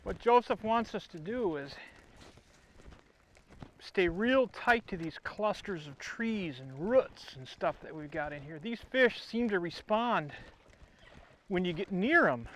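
Fishing-show host, high voice, easygoing boat chatter with faint outdoor noise. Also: male voice. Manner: excited, coaching the angler. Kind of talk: casual on-the-water chat.

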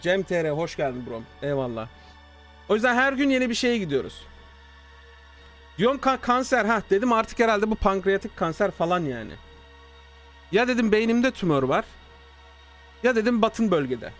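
A man streaming live, telling a story casually to his chat, animated and swearing freely. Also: high voice, normal speed, pauses often, faint music behind. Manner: animated, swears freely, acts out quoted dialogue.

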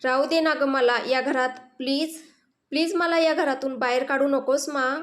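A woman's voice: high-pitched, unhurried, reverberant. A woman voicing a young daughter who sobs and begs her mother, stumbling over her words. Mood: tearful pleading. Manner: sobbing, begging, broken restarts. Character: young woman Virja, pleading, tearful.

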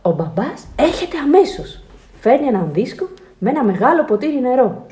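A woman reads a children's bedtime story aloud, her voice pitched somewhat high. Her delivery is lively and expressive, swinging widely up and down in pitch. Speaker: children's book reader and translator. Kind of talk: reading a children's picture book aloud.

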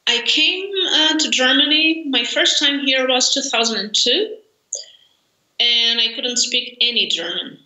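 A Brazilian woman learning a language is a guest in a conversational interview over video call, speaking slowly with a Brazilian Portuguese accent. Her voice sits high, bright and forceful; she's thoughtful, laughs often and uses many fillers. She's indoors in a home room, and the webcam audio sounds roomy.

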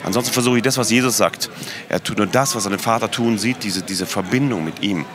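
A man's voice: lowish voice, a little fast, a crowd in the background. A man earnestly describing his prayer life as an interview guest, stressing points by repeating words. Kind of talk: casual faith conversation.

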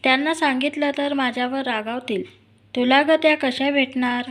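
A woman's voice: sits high, steady tone, normal speed, a bit bright. A woman voicing a timid, anxious palace maid who pleads, in a told folk tale. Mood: worried.

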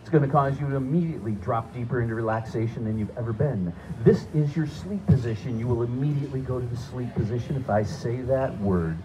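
A man's voice: medium pitch, fast talker, few pauses. A man hosting a live stage hypnosis show, giving short, repetitive, directive commands and showman patter to participants and audience. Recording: noisy, muffled live stage recording.

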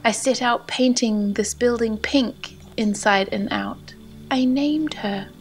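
Canadian woman talking slow and hushed, kinda whispery, voice a bit high, soft music under it. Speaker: vlogger. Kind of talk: soft-spoken voice-over narration and poetry reading.

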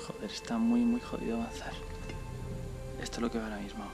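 A young man with a Spain Spanish accent, narrating as he carefully explores an abandoned building, often talking low and cautiously. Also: little pitch movement, quick pace, over music. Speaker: urban explorer vlogger. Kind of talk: casual vlog narration. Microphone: action camera.

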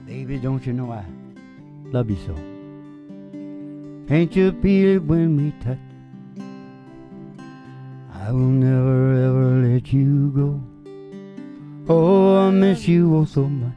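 A host of a live acoustic country set, accompanied by guitar and recorded lo-fi, sings and offers relaxed, jokey stage talk between numbers. Speaking slowly in a mid-range voice, the performer pauses often.

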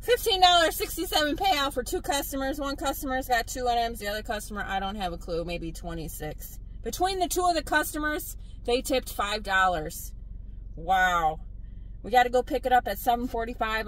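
A woman, a delivery driver vlogging from her car, blunt and animated as she tells her stories. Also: a little high, moderate pace, slight background noise, low-quality recording. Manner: exasperated, blunt, animated storytelling. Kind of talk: casual vlog venting to viewers.

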